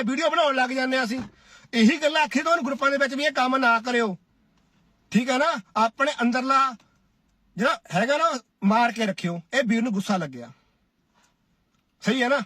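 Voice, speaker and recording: A man from India scolds and preaches in a duet commentary from Cyprus, working as a social media commentator and often asking his audience "right?". His voice is very high and a bit bright, with no echo.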